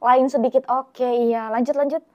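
A woman's voice: high voice, steady tone, unhurried, crowd noise. A woman hosting and chatting casually in reaction to clips, exclaiming as she goes. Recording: dull lo-fi sound.

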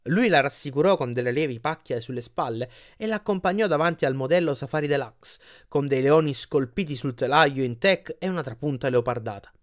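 A man reading an audiobook chapter aloud with expressive delivery. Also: medium pitch, a little fast, hardly any pauses. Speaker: audiobook reader.

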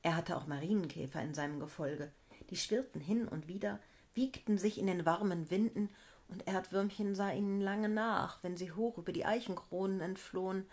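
A woman storyteller calmly narrating a fairy tale for children and adults. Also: mid-range voice. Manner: calm, measured telling.

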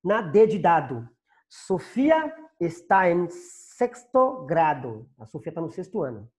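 A man with a Brazilian Portuguese accent teaches Spanish over a video call, his slightly high, darkish voice rising and falling a lot in a sing-song way as he explains. He takes it slowly and patiently, repeating and translating every phrase, heard through a plain computer mic.

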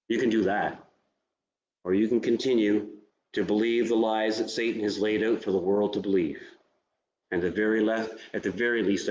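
A man's voice: lowish voice, darkish tone, reverberant, slight background noise, low-quality recording. A man preaching a sermon as pastor, speaking earnestly and directly to his listeners. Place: church sanctuary.

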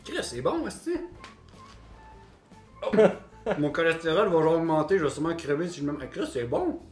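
A man's voice: fairly high pitch, very animated, moderate pace. A man with a Québécois accent chatting casually during a taste test with his mouth full of pasta, swearing freely and chuckling between bites. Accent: Québécois French. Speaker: vlogger tasting food. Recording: echoey room, faint music.

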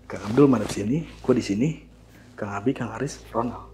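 A man with telling a hiking story in a casual, animated way, acting out voices and sounds. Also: on the low side, a little fast.

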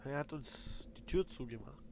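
Casting: male let's play host, medium pitch, colloquial thinking-aloud commentary, loud game noise behind him. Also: moderate pace, vocal fry. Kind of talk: casual gameplay commentary. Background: video game sounds.

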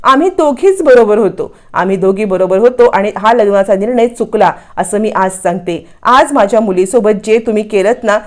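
A woman's voice: mid-range voice, moderate pace, hardly any pauses, darkish tone, lightly acted. A woman voicing an angry middle-aged mother who scolds her son-in-law and repeats her reproaches. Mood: reproachful.

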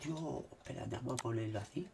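Man, Spain Spanish accent, gravelly dark voice, dry throat, excitable casual commentary, faint background noise. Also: mid-range voice, a little fast. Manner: excitable, exclaiming, keeps saying "look". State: throat dry after a cold. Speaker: vlogger. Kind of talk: casual commentary on screen recording.

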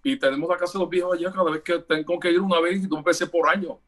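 A middle-aged man from Puerto Rico, a radio announcer, talking as a guest in an interview and telling stories in a lively way. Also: high voice, fast. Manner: animated storyteller, acts out dialogue in anecdotes. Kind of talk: casual conversational interview.

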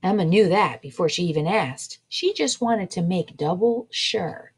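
A woman librarian reading a children's picture book aloud in a slow, expressive way. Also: fairly low pitch, husky.

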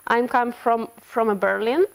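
A woman's voice: fairly high pitch, steady tone, measured pace, creaky, slight background noise. A woman from Ukraine, giving a conference talk as a web developer, often restarting her words. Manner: hesitant, frequent restarts and broken-off words. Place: conference hall.

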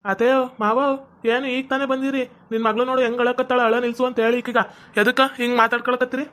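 A man's voice: extremely high pitch, little pitch movement, fairly quick, bright, forceful tone. A person playing a brash young village man, a grandson, in a comedy sketch, bossy.

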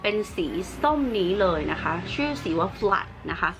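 A woman's voice: mid-range voice, animated, unhurried, music in the background. A woman beauty vlogger giving a chatty, upbeat makeup review and explaining each step as she works. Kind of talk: casual makeup tutorial and product review.

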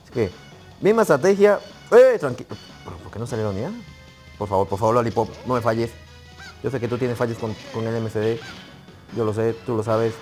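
Excitable Spanish man commentating a game. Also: lowish voice, quick pace, soft background music. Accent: Spain Spanish. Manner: excitable, swears casually, talks to the game. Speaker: gaming YouTuber. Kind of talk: live gameplay commentary.

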